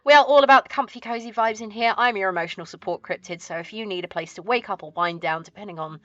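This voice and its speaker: A woman's voice: medium pitch, fast, bright, forceful tone, dry recording, highs cut off. A woman with a southern English accent chatting casually as a livestream host, chirpy and friendly in a cute streamer manner.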